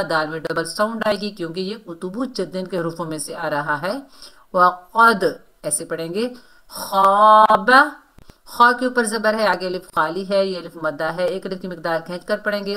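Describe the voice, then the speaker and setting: Woman with teaching quran recitation, bright voice, breaks down every sound slowly. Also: lowish voice. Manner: explains rules step by step, then recites words slowly and drawn out. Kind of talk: tajweed lesson, explaining and reciting.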